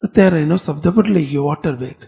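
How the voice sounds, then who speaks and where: Gujarati monk telling a sermon story, high gravelly voice, acts out all the parts. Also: male voice, fast. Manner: animated storyteller, acts out characters' lines. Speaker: Swaminarayan monk giving a sermon.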